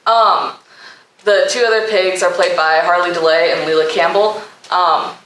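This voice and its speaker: A woman's voice: lowish voice, normal speed, a bit bright, slight background noise. A young woman being interviewed about her show, talking hesitantly with many fillers and shy laughs. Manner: hesitant, lots of "um" and "like", laughs shyly. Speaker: guest, cast member. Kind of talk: casual interview. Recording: echoey room, mic at a distance.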